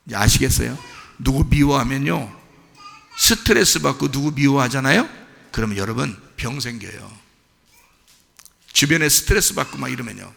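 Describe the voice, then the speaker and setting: A man pastor preaching a sermon, swinging from shouts to soft asides and putting questions to the congregation. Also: fairly high pitch, creaky, big-room sound. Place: church.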